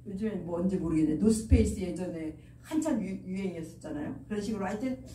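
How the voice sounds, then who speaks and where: A woman's voice: medium pitch, quick pace, warm tone. A woman preaching a sermon at a youth service in a chatty way, asking the listeners questions. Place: church hall, indoors. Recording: echoey church hall, mic far off, faint noise.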